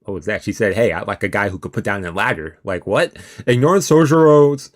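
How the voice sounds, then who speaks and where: A man with a fairly low voice speaks a little fast as he streams a let's play. Reading the visual novel's text aloud, he reacts in casual asides full of slang.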